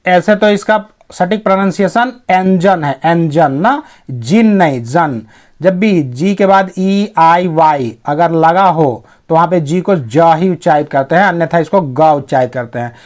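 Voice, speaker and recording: A man with a somewhat high voice giving an English reading lesson in Hindi. He goes through the text word by word and reads the English sentences slowly and carefully. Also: darkish tone. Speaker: English teacher.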